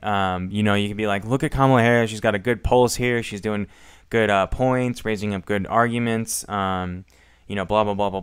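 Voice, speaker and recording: A man's voice: fairly low pitch, a bit bright, smooth, dry recording, studio quality. A young man giving rambling, frustrated commentary on a debate, with many fillers and some swearing. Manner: rambling, halting, heavy with fillers. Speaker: political commentator.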